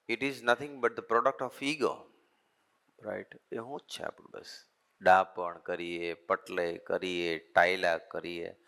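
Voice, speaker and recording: A man's voice: medium pitch, pushed and bright, clear, resonant tone. A man, a monk giving a conversational sermon, talking in a folksy way and repeating his points as lists. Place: assembly hall. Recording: long hall reverb.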